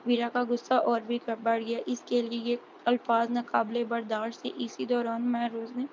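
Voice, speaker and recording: A woman reads a novel aloud in a high voice that hardly rises or falls. She stumbles now and then and restarts words. The recording is dull and lo-fi, with a faint hiss behind her. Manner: flat monotone reading with small restarts. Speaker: narrator. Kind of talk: storybook novel reading.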